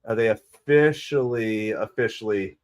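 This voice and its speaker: A man from New Jersey with a Jersey accent, hosting a live fan stream with chatty play-by-play and shout-outs to viewers. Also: lowish voice, a little slow. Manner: excitable, chatty, thanks viewers by name. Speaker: livestream host. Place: home streaming setup with green screen.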